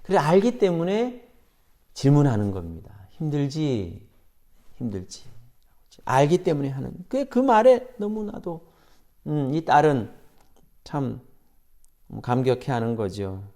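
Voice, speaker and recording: A man preaching a church sermon, pausing for effect and acting out quoted questions. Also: fairly high pitch, big pitch swings, mellow. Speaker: pastor. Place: church sanctuary.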